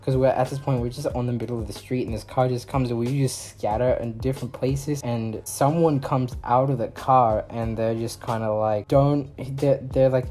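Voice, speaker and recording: A man's voice: mid-range voice, fairly even intonation, normal speed, hardly any pauses, darkish tone, soft background music. A young man telling a personal story in a casual, rambling way, full of fillers.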